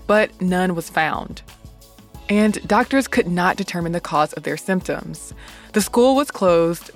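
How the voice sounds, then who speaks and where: Woman podcast host, muffled in a closet. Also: lowish voice. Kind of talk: scripted history narration. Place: small home closet. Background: music.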